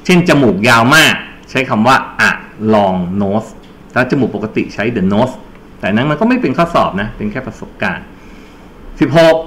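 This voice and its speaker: A man's voice: on the low side, animated, normal speed, a bit bright, slight background noise. A man teaching an English grammar lesson for exam preparation, explaining step by step and quizzing his students with prompts. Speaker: English tutor.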